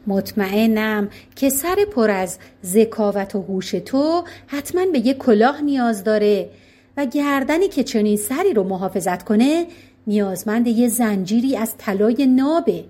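A calm, shrewd old king in disguise, as a woman narrator plays him. He speaks politely and with gentle irony, in a fairly high voice with a lively lilt, like a storybook character. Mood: politely ironic.

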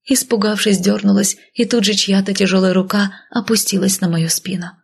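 A woman narrating a first-person fantasy audiobook in a soft, hushed, intimate reading. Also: medium pitch, little pitch movement, fairly quick, gravelly, husky.

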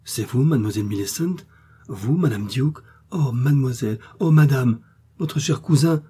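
A man's voice: mid-range voice, moderate pace, mellow, breathy edge, pitched above the performer's own voice. A man voicing a timid, easily frightened innkeeper who pleads in a fluster.

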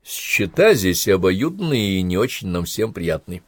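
Narrator doing a low-voiced, clipped German officer, audiobook. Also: male voice, big pitch swings, a little slow, no echo, heavily acted. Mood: stern. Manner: clipped, authoritative. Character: commanding German SS officer, smooth and ironic.

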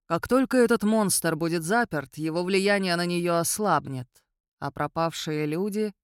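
A woman reading an audiobook voices an ancient male vampire count who speaks in a quiet, measured and coolly superior way. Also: sits high, clean tone, no echo, clean studio sound. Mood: soft, even. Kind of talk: audiobook character voice.

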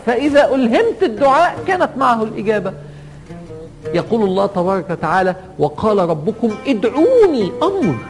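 An Egyptian man delivers a sermon at a rapid clip, his voice pitched high for a man. He pleads and presses, climbing even higher on each call to God. Clear backing music runs beneath him the whole time. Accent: Egyptian Arabic. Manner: impassioned, rising to pleading highs on invocations. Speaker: preacher. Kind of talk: Ramadan sermon to a live audience.

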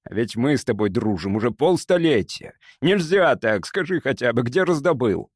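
A man voicing an excitable, grasping older male museum curator who shouts and argues indignantly. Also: mid-range voice, normal speed, husky, no echo, studio quality. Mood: indignant, shouting.

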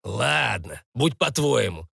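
A man putting on a gruff, cynical old wizard. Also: fairly high pitch, sing-song, moderate pace, sharp tone, no echo, clean studio sound, pitched above the performer's own voice, exaggerated voice. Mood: gruff, grumbling. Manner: gruff, indifferent mutter. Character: grumpy old male wizard servant, dry and cynical.

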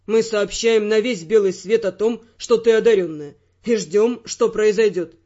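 A woman's voice: mid-range voice, normal speed, mellow, muffled recording, pitched below the performer's own voice, natural voice. A woman voicing a wry, persistent young male secret agent who argues his point evenly. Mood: reasoning.

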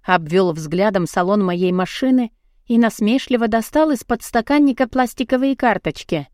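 A woman narrating a first-person audiobook in an expressive storytelling read. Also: medium pitch, moderate pace, no echo, clean studio sound.

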